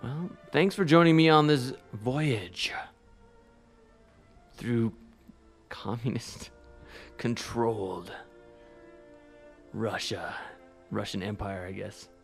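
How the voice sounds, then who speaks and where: Slow, gravelly-voiced male radio host. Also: medium pitch, soft background music. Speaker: radio music show host. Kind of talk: casual radio DJ patter between songs.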